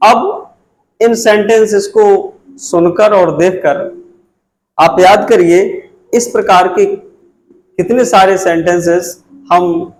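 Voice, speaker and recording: A man's voice: high-pitched, slow pace, low-quality recording. A man teaching an English grammar lesson, explaining step by step and repeating key phrases as he points to the board. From India.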